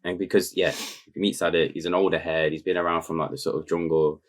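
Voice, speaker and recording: A man's voice: low voice, flat delivery, fast. A young man co-hosting a podcast, chatting casually in slang-heavy banter. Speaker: podcast co-host. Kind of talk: casual chat.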